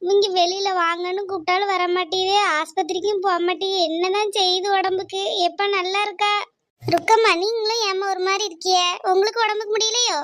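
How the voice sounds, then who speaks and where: Woman voicing a kind young cartoon woman, very high, fast-talking. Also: fairly even intonation, fairly bright tone, no echo, clean studio sound. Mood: reassuring. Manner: coaxing and reassuring.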